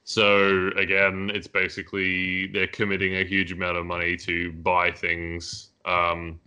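A man's voice: sits low, completely flat delivery, unhurried, pushed and bright, smooth. A man, hosting a casual podcast discussion, rambling with many fillers. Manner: rambling, many fillers, laughs at own jokes. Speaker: podcast host. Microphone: headphones and mic.

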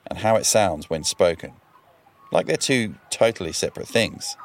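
A man narrating a documentary in a measured, explanatory way. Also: on the low side, a little hiss or hum.

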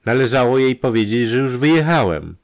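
A man's voice: on the low side, sing-song, normal speed, darkish tone, voice pushed up. A man voicing a cold, evasive young suitor in an audiobook, answering in curt, dry replies. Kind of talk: audiobook character reading.

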